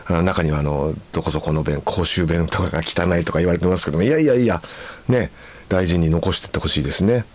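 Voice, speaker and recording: A man hosting a radio show. He reads listener mail and chats in an easygoing way, with soft fillers and pauses. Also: low voice, slight background noise. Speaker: radio host.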